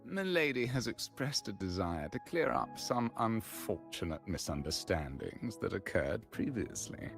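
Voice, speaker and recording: A man's voice: fairly low pitch, very animated, unhurried, creaky, few pauses, music in the background, heavily acted. A male actor playing a courteous, formal butler in a video game, speaking with obsequious ceremony. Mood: deferential, formal. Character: courteous, formal butler serving a noble lady. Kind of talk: scripted video game dialogue.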